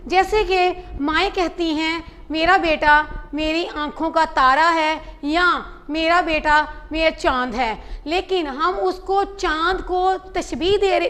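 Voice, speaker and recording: A woman English teacher, giving a classroom lesson. She reads English sentences slowly, then explains them in Urdu and splits words into syllables. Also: extremely high pitch, fairly bright tone.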